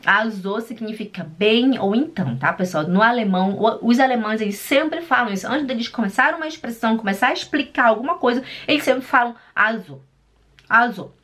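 A woman's voice: a little high, animated, a bit bright. A woman with a Brazilian Portuguese accent teaching German phrases in a casual, chatty way, drawing words out to drill them and checking in with the learner often. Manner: slow, drawn-out drilling of words. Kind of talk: casual spoken lesson.

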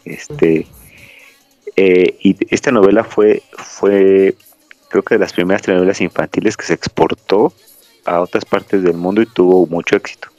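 With no room sound and faint music behind him, the Mexican host speaks at a moderate pace in a low, steady, slightly mellow voice. He rambles through stories in casual podcast chat, and the recording is dry, somewhat dull and lo-fi.

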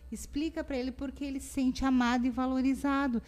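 Woman therapist, high voice, explanatory, acts out quotes. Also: flat delivery, quick pace. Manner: warm explanatory, acts out parent and child quotes. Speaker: family therapist guest. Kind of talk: casual talk-show advice.

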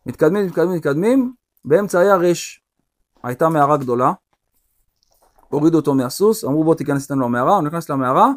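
A male rabbi telling a story during a religious lesson, in an animated storytelling manner. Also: on the high side, pauses often.

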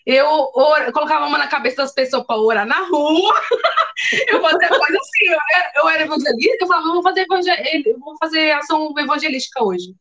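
A woman telling a lively faith testimony in casual chat, acting out her own past words. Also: high-pitched, fast, dull audio. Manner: animated storyteller, acts out her own past lines. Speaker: guest giving testimony.

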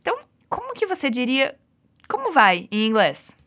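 Brazilian-accented woman English teacher; patient, encouraging, animated pitch. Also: moderate pace. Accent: Brazilian Portuguese. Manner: patient, encouraging, drills repeats. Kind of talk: guided language lesson.

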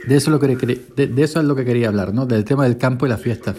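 Chatty farmhand podcaster. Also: male voice, mid-range voice, racing, dark tone. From Spain. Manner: chatty, eats while talking. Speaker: podcast host, farm day laborer. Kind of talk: casual rambling podcast monologue.

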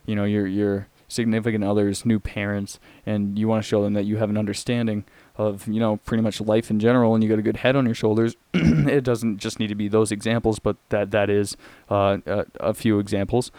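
A young man hosting a casual solo podcast, talking in a rambling, halting way. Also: fairly low pitch, darkish tone, clean tone, dry recording. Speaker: podcast host.

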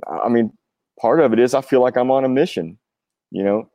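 A man's voice: mid-range voice, lively intonation, a little fast, warm tone, dry recording, studio quality. A man in his forties talking casually as a guest, earnest and reflective, rambling through personal thoughts. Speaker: interview guest, touring rock drummer. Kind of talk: casual chat.

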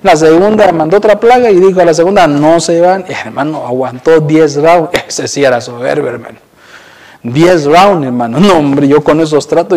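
A man preaching a sermon, constantly calling his listeners brother and acting out the quoted speakers with a rising voice. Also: darkish tone. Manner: addresses listeners as "hermano" constantly; acts out quoted voices with rising pitch and volume.

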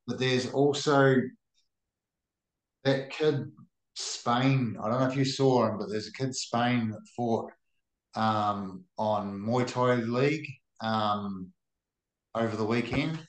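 A man's voice: medium pitch, fairly even intonation, slow, echoey room, rough recording. A man with a broad New Zealand accent chatting casually about combat sports as a podcast co-host, in a blokey, sweary way. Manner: blokey, sweary, ends remarks with "eh".

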